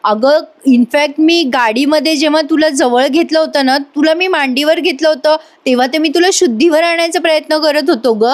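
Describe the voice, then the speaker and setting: A woman's voice: sits high, moderate pace, hardly any pauses, close to an everyday voice. Woman reading as a remorseful young husband. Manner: pleading, apologetic retelling. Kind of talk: voice-over retelling of a soap episode.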